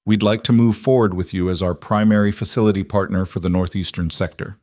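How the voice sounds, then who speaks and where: A man reading the lines of a brisk, professional businesswoman in a story. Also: sits low, steady tone, darkish tone, dry recording, studio quality, close to an everyday voice. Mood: businesslike.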